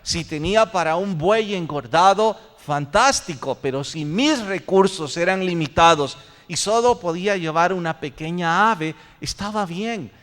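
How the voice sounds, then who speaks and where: A man's voice: high-pitched, measured pace, hardly any pauses, a bit bright. A man preaching a sermon as pastor, posing rhetorical questions to his congregation. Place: church sanctuary. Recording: long church reverb.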